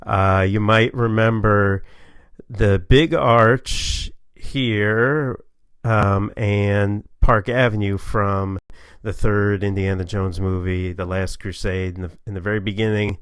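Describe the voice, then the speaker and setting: Low-voiced man lecturing casually. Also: slow pace, clean tone, no room sound. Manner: relaxed, rambling, many fillers. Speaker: university lecturer.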